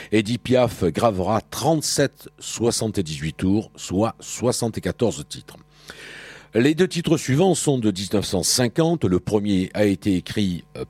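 A man hosting a music radio segment speaks in a low, slightly husky voice. He reads dates and facts at a measured pace, pausing briefly now and then. The sound is dry and close, with no room around it. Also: a little mellow, no echo. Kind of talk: scripted radio narration about songs.

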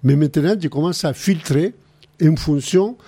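A man's voice: a little high, moderate pace, warm tone, husky. A middle-aged man with a Chilean Spanish accent, hosting a call-in radio talk show and earnestly giving practical advice.

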